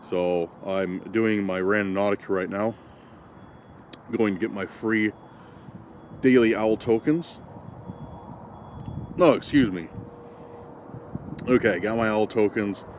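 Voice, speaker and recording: On a cold night outside, a vlogger from Illinois chats to a handheld camera in a rambling, easygoing manner, correcting himself as he goes. His darkish, fairly low voice moves slowly with frequent pauses, over slight background noise.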